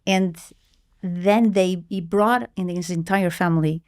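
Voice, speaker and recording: A middle-aged woman from Portugal speaks in a lowish voice. She tells her story earnestly as an interview guest, pausing and restarting her sentences now and then. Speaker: guest, marketing executive.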